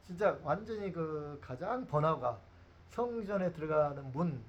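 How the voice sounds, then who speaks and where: A man's voice: fairly high pitch, animated, unhurried, muffled recording. A man preaching a sermon as pastor. He tells the scene like a story, acts out the characters and asks the congregation questions.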